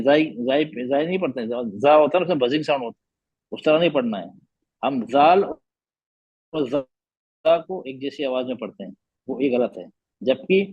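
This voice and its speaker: A man teaching recitation who slowly repeats each letter sound and keeps asking his students whether it is clear. His voice is fairly high and a bit husky. The audio is dull and dry, like an online class. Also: no room sound.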